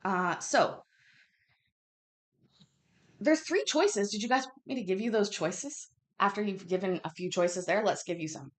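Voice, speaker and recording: A woman in her thirties hosts a casual livestream trivia quiz, reading questions aloud and chatting candidly, swearing and cutting herself off. Her medium-pitched voice is animated but a little slow, with frequent pauses.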